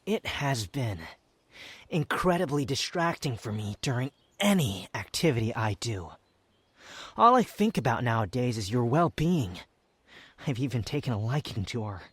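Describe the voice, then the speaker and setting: Man acting haughty Wanderer, dry and expressive. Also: mid-range voice, no echo. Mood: reluctant, flustered. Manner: haughty, formal wording, halting, sighs and scoffs. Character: aloof, proud, sardonic young male wanderer confessing reluctant affection. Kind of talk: intimate scripted roleplay ASMR, fan audio drama.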